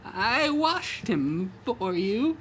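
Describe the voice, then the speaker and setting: An old wife at her husband's bedside, played by a man in a high falsetto. She speaks slowly and gently, each phrase stretched out. The voice swoops well above his normal register. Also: big pitch swings, a little hiss or hum, full character voice. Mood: tender.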